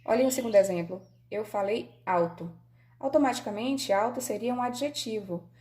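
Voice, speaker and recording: Brazilian woman, video teacher, warm mellow tone, patient step-by-step explainer. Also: fairly high pitch, moderate pace. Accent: Brazilian Portuguese. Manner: explains patiently, checks in with "certo?". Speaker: Portuguese teacher. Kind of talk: video grammar lesson.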